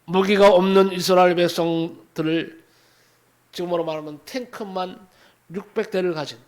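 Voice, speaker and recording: Male pastor, high-pitched, dramatic sermon delivery with sharp swings in volume. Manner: dramatic preaching, swings from loud exhortation to hushed asides.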